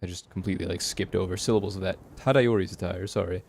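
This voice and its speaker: A man's voice: deep voice, flat delivery, rapid-fire, gravelly, a little mellow, a little hiss or hum. A man with an American West Coast accent giving casual, unscripted gameplay commentary, thinking aloud in a hesitant, rambling way. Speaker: gaming host doing a playthrough.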